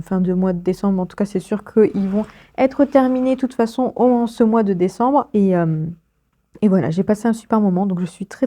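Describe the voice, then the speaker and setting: A young woman with a French accent chats at home for her vlog. Her voice is mellow and soft-edged, and she talks in an easy, rambling way full of fillers and little giggles. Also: medium pitch. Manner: chatty, many fillers and giggles. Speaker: vlogger. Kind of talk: casual vlog chat.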